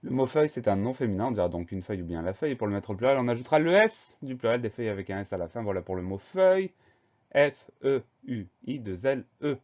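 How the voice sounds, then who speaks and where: A man teaching a spelling lesson, spelling each word slowly and carefully, letter by letter. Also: mid-range voice, animated, darkish tone, lo-fi sound.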